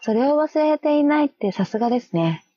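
A woman's voice: high-pitched, lively intonation, a little fast, warm tone, no echo. A woman chatting casually with a friend, playfully sounding out made-up syllables and giggling often. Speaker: co-host. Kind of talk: casual chat. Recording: dull lo-fi dry recording.

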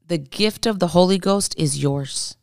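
A woman speaking as a guest minister, earnestly telling a faith testimony and slowly acting out the prayers she leads. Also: lowish voice, creaky, darkish tone, no echo, clean studio sound. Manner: earnest, slow and deliberate, acts out prayers. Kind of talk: testimony in a podcast interview.

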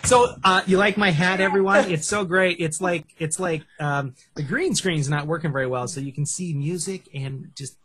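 A man co-hosting a casual music review show, talking in an animated, joking way into a headset mic. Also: fairly high pitch, moderate pace, hardly any pauses, slightly rough. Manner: animated, joking, breaks into song snippets and shouts. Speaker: podcast co-host reviewing music. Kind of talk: casual chat.

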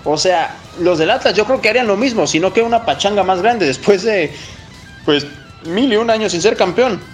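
Male Mexican football host, fairly high voice, slangy and blunt casual opinion talk, some music behind. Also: expressive, moderate pace.

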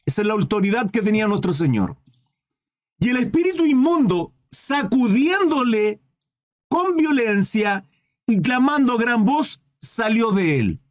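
A man's voice: very high voice, big pitch swings, measured pace. A man preaching in a livestreamed Bible study, reading scripture aloud, then commenting with rhetorical questions and asides to viewers. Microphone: livestream microphone.

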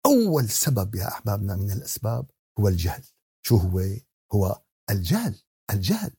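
Male preacher, Syrian Arabic accent. Mellow, husky voice; didactic yet conversational Quran teaching, with rhetorical questions and repeated key words. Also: on the low side, huge pitch swings, a little fast, no echo, studio quality. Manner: conversational, with everyday examples and acted exchanges. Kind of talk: religious lesson on Quran exegesis, mixing classical recitation with colloquial talk.

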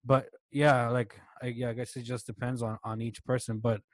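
A man's voice: medium pitch, little pitch movement, moderate pace, dry recording. Hesitant man chatting on a podcast. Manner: hesitant, lots of restarts and fillers. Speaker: podcast co-host. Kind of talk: casual chat.

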